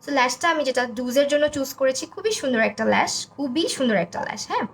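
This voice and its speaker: A young woman from Bangladesh with a hoarse, broken voice, chatting through a live makeup tutorial and reading out viewer comments. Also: high-pitched, expressive, very fast.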